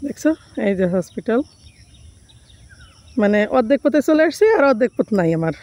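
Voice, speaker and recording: Soft-spoken woman vlogging on a walk. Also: on the high side, big pitch swings, moderate pace, no echo. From Bangladesh. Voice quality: slightly muffled by a face mask. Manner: soft-spoken, talks quietly in public. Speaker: village life vlogger. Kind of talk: casual walking vlog. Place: outdoors on a village road.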